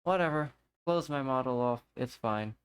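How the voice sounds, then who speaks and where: A man chats casually on a live game stream, talking to himself and to chat viewers as he plays. His mid-range voice is smooth and resonant at a moderate pace, recorded close and dry on a desk microphone.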